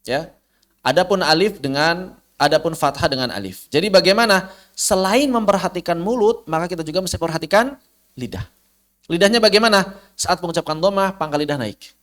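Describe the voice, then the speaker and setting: This tajwid teacher has a high-pitched, animated, slightly bright voice. He leads an online recitation lesson with patience, stretching out syllables to demonstrate sounds and often posing questions he then answers himself.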